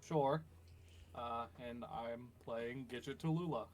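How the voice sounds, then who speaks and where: A man playing in a tabletop game stream, joking in a slow, dry way. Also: medium pitch, a little mellow. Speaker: player. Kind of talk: casual chat during a game stream.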